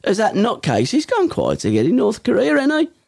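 A middle-aged man co-hosting a podcast, rambling and jokey in casual comedy banter and leaping into high squeals. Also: wildly swooping pitch, brisk, creaky, darkish tone, husky. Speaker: podcast co-host.

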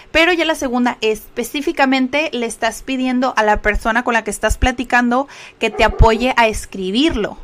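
A woman's voice: on the high side, a bit bright. A woman from Mexico with a Mexican Spanish accent, teaching English in a chatty live lesson and checking in often with the audience. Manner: chatty, explanatory, with many filler checks like "¿ok?".

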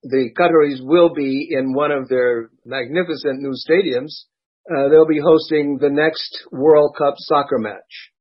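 An older man, a former ambassador, explaining in a measured way in a recorded interview clip. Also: fairly high pitch, steady tone, breathy edge. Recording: slightly dull, lo-fi sound.

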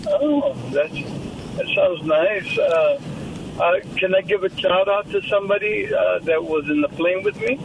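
A male caller on the phone to a talk show, telling a slow, rambling story. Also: high-pitched, lively intonation, creaky. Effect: over the phone. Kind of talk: call-in question and anecdote. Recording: distant noisy phone line.

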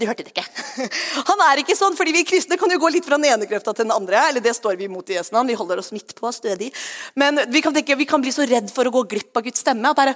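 A Norwegian woman pastor giving a lively, conversational sermon. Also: on the high side. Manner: lively, conversational, acts out quoted voices. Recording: long reverb of a church hall.

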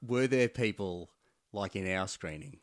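Very deep-voiced man, dry close sound. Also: unhurried, no room sound. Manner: agreeable, short affirmations. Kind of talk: casual chat.

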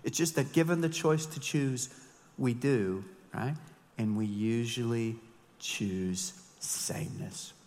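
A man in his thirties, a pastor preaching an animated, joking sermon with emphatic storytelling. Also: mid-range voice, a little slow, big-room sound. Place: church sanctuary.

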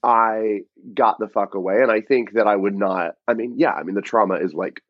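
A man's voice: lowish voice, fairly quick, no echo. A man from Georgia in casual chat, rambling and full of fillers like "like". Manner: rambling, filler-heavy with many likes. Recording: dull lo-fi sound.

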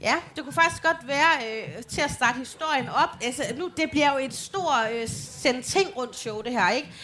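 A woman co-hosting a live podcast who tells lively stories, acting out scenes in a raised voice. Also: high-pitched. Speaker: podcast co-host. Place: live podcast event before an audience.

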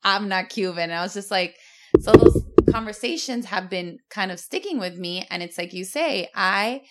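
A woman's voice: medium pitch, animated, normal speed. A middle-aged woman from Miami, a podcast co-host telling stories in casual chat, quoting people she meets and laughing often. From United States (Miami). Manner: chatty storyteller, quoting others, laughing often.

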